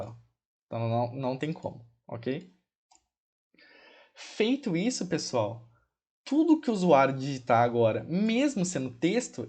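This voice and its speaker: In a casual screencast, a programming instructor with a Brazilian Portuguese accent chats his way through a coding tutorial, his voice a little high and a little mellow. He keeps checking in with "ok?" and "pessoal", loves diminutives, and slows down to spell out commands as he types.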